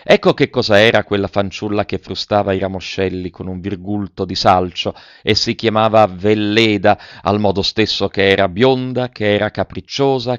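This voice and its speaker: A man narrating a classic novel in a measured, steady reading. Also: lowish voice, clear, resonant tone, no room sound. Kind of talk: scripted literary narration. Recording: dull, dry recording.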